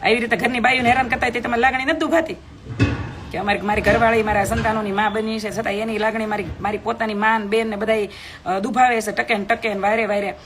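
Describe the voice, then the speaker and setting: A woman's voice: on the high side, steady tone, fast. A middle-aged woman, chatting bluntly with viewers on a phone live stream, scolding and preaching.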